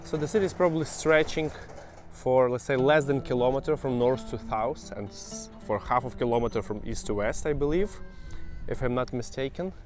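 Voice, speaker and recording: Speaking a little fast in a mid-range, darkish voice, a male travel vlogger from Western Ukraine walks outdoors through an old town and casually points things out to viewers. He is a native Ukrainian speaker with a Ukrainian accent. Faint music sits behind him.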